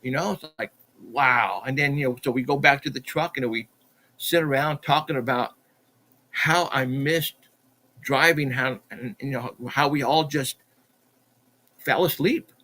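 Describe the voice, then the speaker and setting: A middle-aged man, a podcast guest, telling a story in an animated, excitable way, stumbling and repeating himself as he acts out what people said. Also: medium pitch, unhurried. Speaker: podcast guest, Bigfoot researcher.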